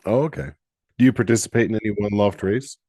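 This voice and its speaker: Man, podcast host, casual interviewer, restarts sentences, low pitch, dry recording. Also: fast, warm tone, slightly rough, no echo. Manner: chatty, restarts questions mid-sentence.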